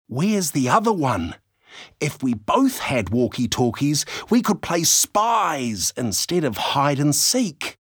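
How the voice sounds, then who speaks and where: A man voicing an excitable young boy playing secret agent, talking eagerly. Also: a little high, slow, breathy edge, no echo, clean studio sound, pitched above the performer's own voice, heavily acted.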